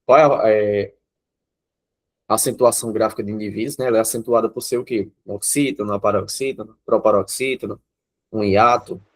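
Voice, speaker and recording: This Brazilian-accented man runs an online grammar lesson at a brisk pace, his lowish voice keeping a fairly even intonation. He breaks things down step by step and keeps asking whether his students are following.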